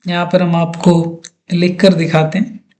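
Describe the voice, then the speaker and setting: A man's voice: sits high, flat delivery, measured pace, darkish tone. A man teaching an English grammar lesson, patiently talking through examples step by step.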